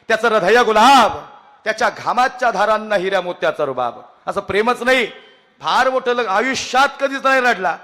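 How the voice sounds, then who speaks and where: Man, kirtan preacher, emotive storytelling, swells into chanting, high voice, long hall reverb. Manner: emotive storyteller, addresses listeners directly, swells into loud chanting. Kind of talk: devotional kirtan sermon with storytelling.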